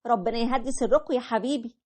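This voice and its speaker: A woman voicing a calm older man with an Egyptian accent, soothingly giving advice. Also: on the high side, fast, pitched above the performer's own voice, natural voice. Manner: soothing, advising.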